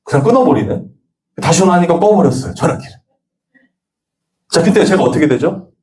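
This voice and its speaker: A man's voice: fairly high pitch, expressive, fairly quick, darkish tone, slight background noise. A male pastor giving a conversational sermon at a Sunday church service, telling stories and acting out the dialogue.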